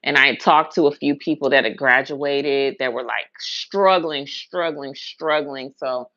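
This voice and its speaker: Her pitch is extremely low and her delivery a little slow, with a slightly bright tone, captured lo-fi with no echo. This American livestream host and hairstylist, who hails from Huntsville, Alabama and Brooklyn, New York, rambles through personal stories casually and colloquially, repeating words to stress them.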